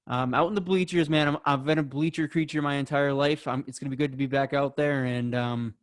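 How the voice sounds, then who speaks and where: A man's voice: fairly high pitch, fairly even intonation, a little fast. Laid-back sports podcast guy. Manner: laid-back, fills with "I mean" and "you know". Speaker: podcast co-host. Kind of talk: casual sports chat.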